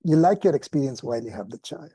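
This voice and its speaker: A man teaching an informal spoken lesson, relaxed and self-deprecating, often restarting his sentences. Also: mid-range voice, quick pace, breathy edge, dry recording. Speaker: meditation teacher.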